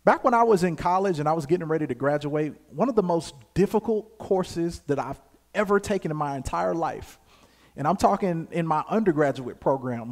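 A young man, preaching a sermon as pastor, moving from calm scripture reading to loud, emphatic exhortation. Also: on the high side.

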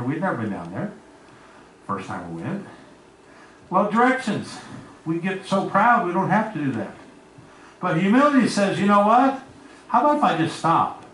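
A man's voice: a little high, fairly bright tone. A man preaching a sermon as pastor, telling homespun stories and calling out to members of the congregation by name. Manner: folksy storytelling, talks to congregation members by name. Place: church sanctuary. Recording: echoey room, voice from far off.

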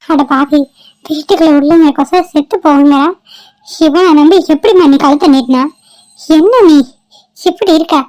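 In a rough recording with no room sound, a woman with a high, slightly mellow, natural voice speaks at a normal pace. She plays the groom's mother, a middle-aged village woman in a cartoon, scolding her son with sarcasm in this voice-acting role.

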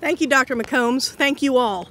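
Woman emcee, high-pitched, short welcoming introductions. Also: normal speed, a bit bright, a little hiss or hum. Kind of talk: event hosting.

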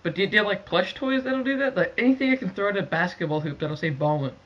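A man making a prank call over the phone, chatting casually in a halting, repetitive way. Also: high voice, lively intonation. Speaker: prank caller. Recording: dull lo-fi phone call recording.

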